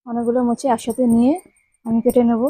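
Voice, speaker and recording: A woman hosts her own home cooking video, talking directly to her viewers and walking them through each step. Her voice sits a little high with a soft, mellow tone. The sound is dry and close, with no room echo. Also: completely flat delivery, fast, breathy edge. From Bengal. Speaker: home cooking channel host. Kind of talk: casual cooking demonstration.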